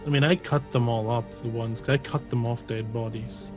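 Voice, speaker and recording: A man joins in a tabletop role-playing session with casual remarks. His pitch is average for a man. Faint music sits behind the voice. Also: steady tone, normal speed. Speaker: tabletop game player. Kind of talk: casual game-table chat.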